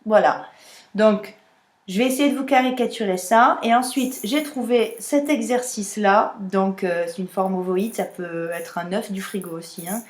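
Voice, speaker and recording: A woman singing teacher walks through a vocal exercise, explaining each step and modelling the vowel sounds herself. Her voice sits at an ordinary middle pitch. The room around her is echoey. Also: normal speed. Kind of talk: vocal technique lesson.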